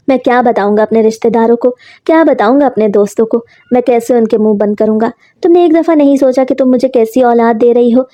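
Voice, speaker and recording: A man's voice: extremely high pitch, warm tone, dry recording. A woman reading the lines of a young husband in a spoken story, loving at first and later harsh and scolding. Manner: overjoyed then harsh and scolding.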